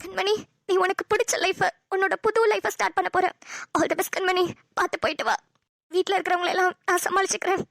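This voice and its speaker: A woman voicing a young cartoon woman who talks to herself in a low, hushed, tense way. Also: steady tone, fast talker, vocal fry, full character voice. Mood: tender. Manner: hushed, tense self-talk. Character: young woman Roja, anxious, plotting quietly. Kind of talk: cartoon voice dubbing.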